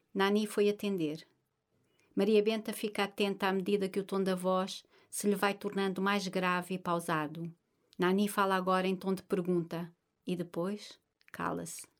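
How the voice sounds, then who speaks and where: A woman reading a literary story aloud at a middle pitch. Her delivery is measured and expressive, the steady pace of scripted narration.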